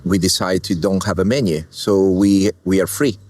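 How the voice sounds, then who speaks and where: A man from Argentina with an Argentine Spanish accent, walking through a dish step by step in unhurried, plain English. His voice sits a little low, and he explains each part of the recipe in a calm, patient way. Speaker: chef. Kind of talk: cooking demonstration with commentary.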